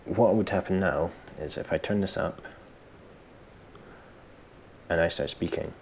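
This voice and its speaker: At a measured pace, a man with an extremely low, gravelly, fry-laden voice presents a software tutorial. His manner is informal and self-deprecating as he thinks aloud, and a faint background noise sits under the audio.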